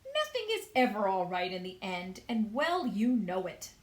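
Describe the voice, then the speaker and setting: A woman's voice: on the high side, sing-song, unhurried, a bit bright, echoey room, pitched above the performer's own voice. A woman doing a gloomy, doom-laden earthworm. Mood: scornful. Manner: wailing, pessimistic. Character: gloomy blind male earthworm, doom-saying complainer.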